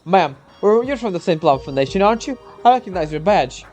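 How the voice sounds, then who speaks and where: Anxious male soldier for a game story man reading, high, pleading, halting and earnest. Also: lively intonation, a little mellow. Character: Mikhail, pleading, frightened male wounded-army soldier. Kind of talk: game story read aloud.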